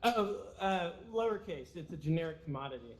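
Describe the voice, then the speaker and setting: A male talk show guest whose voice sits a little higher than most men's. He answers quick questions casually and hesitantly, filling the gaps with ums and uhs before committing to a reply. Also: lively intonation, rough recording.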